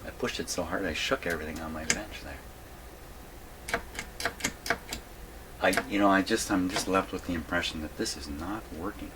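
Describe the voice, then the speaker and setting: Long pauses break up this man's low voice as he speaks at normal speed. Hosting a casual repair video in his home radio workshop, he thinks aloud through the electronics work and mutters to himself. Background noise is present in an otherwise clear recording.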